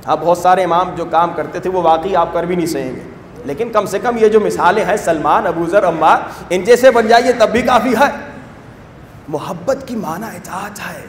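A male cleric delivering a fervent sermon, asking rhetorical questions and rising to forceful emphasis. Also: high voice, slight background noise. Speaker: Shia cleric giving a majlis sermon. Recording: echoey hall with long reverb.

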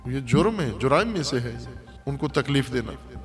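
With an expressive, medium-pitched voice, a man lectures students emphatically on morals, hammering his points home through rhetorical questions. A long hall reverb surrounds him, and faint music plays behind.

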